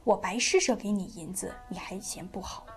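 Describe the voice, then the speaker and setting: A woman's voice: mid-range voice, moderate pace, in a whisper, soft background music, pitched below the performer's own voice, natural voice. A woman storyteller voicing a desperate, indignant middle-aged man who grumbles about being wronged. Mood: aggrieved. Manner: grumbling, aggrieved.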